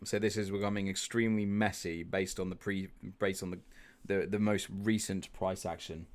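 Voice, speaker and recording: A man with a deep voice hosts a live trading stream, talking through chart analysis at a moderate pace with fairly even intonation. He's chatty, thinks aloud, restarts and repeats words, and keeps asking viewers for their opinions.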